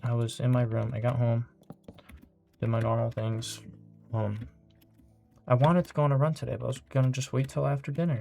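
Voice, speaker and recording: A teenage boy rants through a personal vlog, his voice gravelly and dark in tone. He rambles, swears freely and sounds fed up, now and then dropping into a soft, low trail-off. Faint music plays behind him. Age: teens. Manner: frustrated, rambling, swears a lot. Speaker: vlogger.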